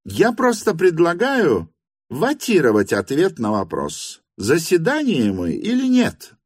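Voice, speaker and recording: A man doing a shrill, bossy hostess. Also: huge pitch swings, slow pace, darkish tone, breathy edge, no echo, studio quality, exaggerated voice. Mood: commanding. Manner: commanding, shrill and indignant. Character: bossy middle-aged hostess, insistent and suspicious. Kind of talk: audiobook reading.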